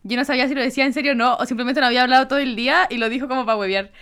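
A woman's voice: high voice, fairly even intonation, racing, fairly bright tone, clean tone. A young woman with a Chilean accent, explaining her side in a casual chat with friends. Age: young adult. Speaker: university student.

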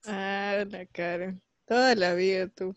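A woman's voice: mid-range voice, steady tone, slow, no room sound, muffled recording. A young woman in casual chat, teasing a friend.

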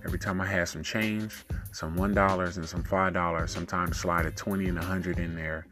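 A man hosting a casual self-help talk, giving advice in a monotone, laid-back, colloquial way. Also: deep voice, brisk, music in the background.

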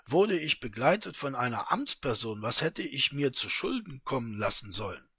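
A man's voice: mid-range voice, sing-song, normal speed, bright, forceful tone, breathy edge, dry recording, studio quality, heavily acted. A man voicing a polite but offended male traveler who talks prim and formal. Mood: indignant.

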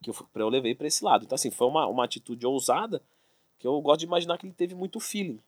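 A man, a fitness expert telling his story as an interview guest, animated and acting out quoted dialogue. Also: on the high side, rapid-fire, dry recording.

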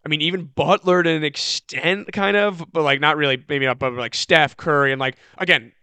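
Podcast co-host, male, bright crisp voice, loose rambling sports chat. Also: fairly high pitch, steady tone, moderate pace, no echo. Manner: rambling, self-correcting, many "like" fillers.

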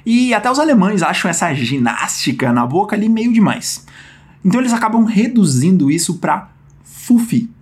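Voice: mid-range voice, big pitch swings, moderate pace. A language teacher with a Brazilian accent runs a casual lesson and keeps cracking jokes in easygoing slang. The voice sits in a middle register and swings up and down with lots of animation. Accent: Brazilian Portuguese. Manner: playful, jokey, slang-filled. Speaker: German teacher.

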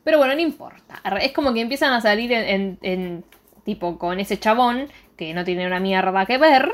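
A woman's voice: mid-range voice, moderate pace. A young woman with an Argentine accent, chatting casually as a co-host, recapping with lots of swearing. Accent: Argentine Spanish. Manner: animated recapping, swearing freely. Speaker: podcast co-host. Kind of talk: casual chat.

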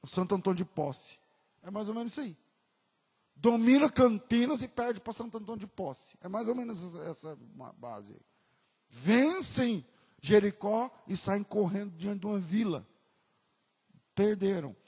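A man preaching a sermon as pastor with a Brazilian Portuguese accent, moving from casual asides to loud, emphatic preaching. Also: high voice, animated, moderate pace, husky, big-room sound.

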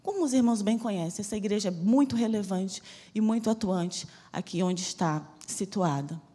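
A husky, mid-range woman's voice with a dark tone and a long reverb tail preaches a fervent, emphatic church sermon as a missionary, using slow, stressed phrases. She is from Salvador, Bahia, Brazil, and her Bahian Portuguese accent is blended with a Rio de Janeiro one. The setting is a church hall.

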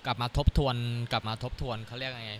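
Bright-voiced man hosting a chat. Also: medium pitch, flat delivery, quick pace, slight background noise. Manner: loose, searching questions. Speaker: host. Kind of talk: casual interview.

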